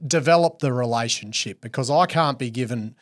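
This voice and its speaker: An Australian man in casual podcast banter, loud and playful. His voice sits at an ordinary middle pitch. Now and then he bursts into a booming race-caller delivery. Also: brisk. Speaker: podcast co-host. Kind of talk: casual chat.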